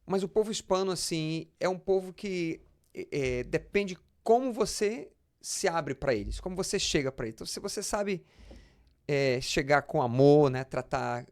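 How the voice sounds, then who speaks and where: A Brazilian man with a fairly high, darkish voice talks at a normal speed as a pastor and interview guest. His anecdotes are personal and conversational, with frequent repeated words as he explains.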